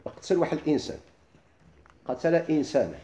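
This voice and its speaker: A middle-aged man with a Moroccan accent, teaching a classroom lesson. He keeps asking his listeners quick questions and then answers them himself. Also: a little high, sing-song, dark tone, roomy sound. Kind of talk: classroom lesson explaining legal theory.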